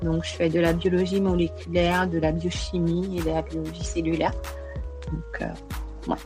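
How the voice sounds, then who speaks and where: Woman, late twenties, lowish flat voice, hesitant, music underneath. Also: moderate pace. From Congo. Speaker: podcast panelist. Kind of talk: podcast group discussion.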